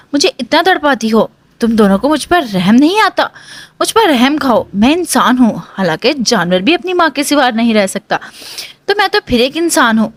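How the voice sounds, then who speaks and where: A woman's voice: high-pitched, no echo. A woman voicing a grief-stricken young man, a loving brother who pleads tearfully in anguished outbursts.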